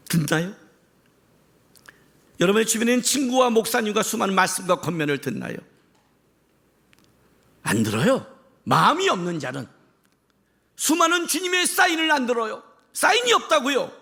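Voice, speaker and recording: A pastor with a high-pitched, gravelly voice preaches an impassioned sermon. He shouts for emphasis and fires rhetorical questions at the congregation.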